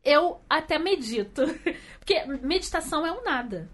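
A woman's voice: high-pitched, lively intonation, normal speed, fairly bright tone. A Brazilian woman co-hosting a podcast, talking in a reflective, agreeable way. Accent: Brazilian Portuguese. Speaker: podcast co-host. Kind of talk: casual chat.

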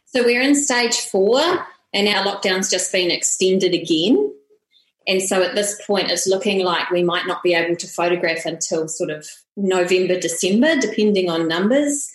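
A woman's voice: mid-range voice, moderate pace, reverberant, poor audio. A middle-aged woman with a broad New Zealand accent, chatting as an interview guest. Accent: broad New Zealand (Kiwi). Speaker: podcast guest, family portrait photographer. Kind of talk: conversational interview. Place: room, standing with baby in arms.

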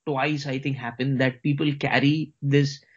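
Male co-host, Indian accent, raspy-edged voice, explanatory chat, somewhat lo-fi sound. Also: mid-range voice, flat delivery, normal speed. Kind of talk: casual conversational chat. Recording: slightly dull, lo-fi audio.

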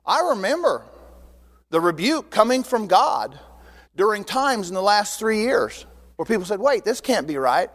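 High-voiced preaching man, reverberant hall. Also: measured pace. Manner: animated, conversational preaching with rhetorical questions. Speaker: pastor. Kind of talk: sermon.

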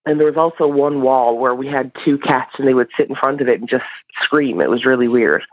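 A woman from Newfoundland tells a personal story as a caller. Her voice is low and her delivery is informal. The recorded call sounds dull and lo-fi. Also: fairly quick, no echo. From Newfoundland, Canada. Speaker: listener calling in with a story.

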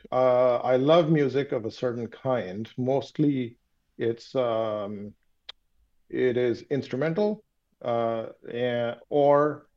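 This Pakistani man, a native Urdu speaker, has a mid-range voice and is being interviewed in a relaxed call that sounds muffled. His speech is reflective and philosophical, full of hesitations and fillers.

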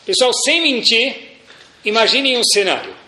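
Man, rabbi's religious lecture, anecdotal, talks straight to the audience, high bright voice, echoey room. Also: unhurried. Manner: animated, anecdotal, addresses audience directly. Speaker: rabbi teaching a Torah class.

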